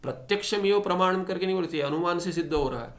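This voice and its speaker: Male scripture teacher, slightly high voice, animated class lecture with lots of rhetorical questions. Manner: chants Sanskrit lines slowly. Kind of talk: explaining a Sanskrit philosophy text.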